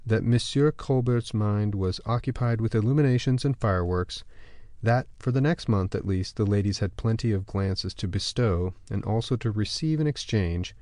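A man narrating a classic novel in a measured, formal audiobook reading on a close studio mic. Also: on the low side, mellow, dry recording.

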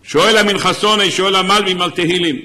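Preaching with passion, this rabbi speaks in a bright, forceful, high-pitched voice and sometimes breaks into cries.

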